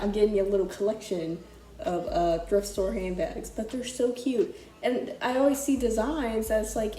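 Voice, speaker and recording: Young woman rambling about her thrift finds, mellow voice, roomy echo. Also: mid-range voice. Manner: chatty, rambling, many fillers and restarts. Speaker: vlogger. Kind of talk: casual haul chat. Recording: echoey room with faint music. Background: faint music.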